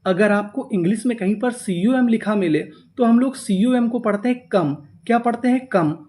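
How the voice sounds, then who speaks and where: Man, patient teacher, spells letter by letter, repeats words slowly, asks the class questions. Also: extremely high pitch, a little mellow. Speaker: English reading teacher. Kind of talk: step-by-step spoken lesson.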